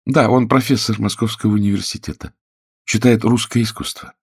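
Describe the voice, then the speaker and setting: A man's voice: fairly low pitch, steady tone, a little fast, breathy edge, dry recording, studio quality, pitched above the performer's own voice. A man voicing a polite, composed young actress.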